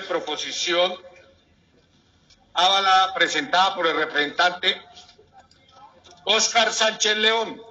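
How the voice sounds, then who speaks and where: A man with a Colombian Spanish accent reading legislative text in a measured, deliberate official manner. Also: high voice, bright, forceful tone, low-quality recording.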